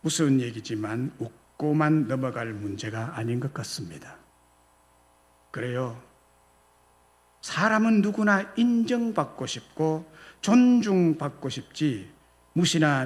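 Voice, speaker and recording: A male pastor preaching a sermon, slowing down to stretch out key words. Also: mid-range voice. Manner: animated, with slow drawn-out emphasis.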